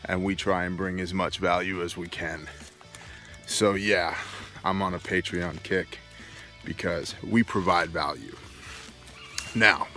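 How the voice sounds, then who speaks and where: A middle-aged man with a low voice speaks off the cuff like a homesteading vlogger and keen gun enthusiast. He takes his time, laying out points in short, emphatic phrases. Faint music sits behind him. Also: pushed and bright. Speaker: homesteading and preparedness video host. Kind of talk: casual off-the-cuff vlog talk to viewers. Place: outdoors, walking on own rural land.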